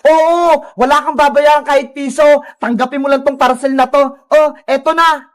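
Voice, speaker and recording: Kind cartoon delivery rider guy, woman voicing him, calm and reassuring, highish voice. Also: moderate pace, natural voice. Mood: friendly. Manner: friendly, reassuring, patient.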